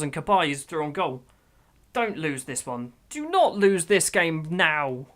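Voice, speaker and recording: A man giving let's-play commentary over a football management game, excitable, swinging from grumbling to loud outbursts. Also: sits high. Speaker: gaming YouTuber.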